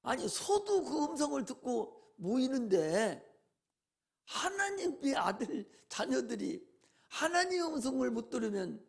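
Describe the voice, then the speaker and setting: A man's voice: extremely high pitch, vocal fry. A male pastor preaching a sermon in a folksy way, often asking rhetorical questions.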